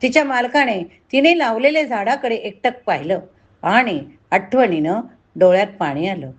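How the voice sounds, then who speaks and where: A woman narrating a story in a measured, expressive storytelling voice. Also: fairly high pitch. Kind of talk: dramatic story reading.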